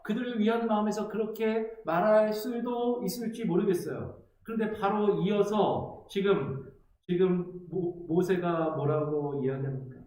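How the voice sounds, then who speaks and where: A man's voice: high voice, measured pace, mellow, a little hiss or hum. A male pastor preaching a sermon, asking rhetorical questions and acting out quotations. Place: church sanctuary. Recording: very echoey church sanctuary.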